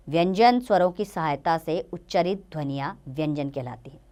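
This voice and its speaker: A woman teacher giving a grammar lesson to children, slowly sounding out letters one by one. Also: mid-range voice.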